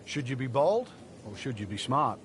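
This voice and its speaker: A man's voice: medium pitch, big pitch swings, normal speed. A man working as a golf analyst in broadcast commentary, explaining things in a conversational way. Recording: outdoor crowd and background noise.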